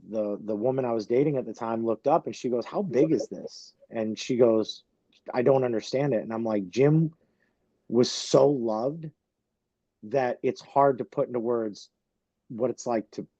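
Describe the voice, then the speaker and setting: A man, a wrestler guest on a podcast, telling a story in halting speech full of fillers and restarts, close to tears. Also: on the low side, warm tone, no room sound, muffled recording. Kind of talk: emotional podcast interview.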